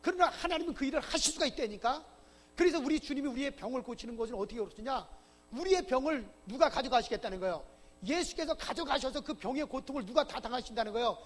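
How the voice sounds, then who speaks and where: Male pastor, very high voice, emphatic sermon full of rhetorical questions, long church-hall reverb. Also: animated, fast. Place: church sanctuary.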